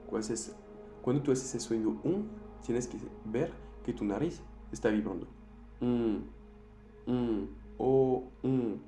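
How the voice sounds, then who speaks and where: A young man, a French speaker with a French accent, teaching a pronunciation lesson and sounding out each sound slowly and carefully. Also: medium pitch, warm tone. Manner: slow, careful demonstration of sounds. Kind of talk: language lesson. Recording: echoey room with faint music.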